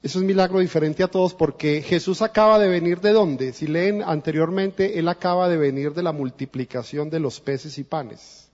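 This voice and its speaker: A man's voice: fairly high pitch, normal speed, few pauses, a little mellow. A man with a Colombian accent preaching a sermon as a guest preacher, speaking earnestly and directly to the congregation. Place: church. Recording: dull lo-fi recording in a reverberant church.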